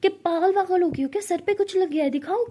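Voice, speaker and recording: An anxious young woman fires off worried questions and scolds her lover, as a woman storyteller voices her. Her voice sits high and sounds loud and strained. The tone stays soft and warm. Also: steady tone, gravelly. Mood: scolding. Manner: pleading then scolding in rapid questions.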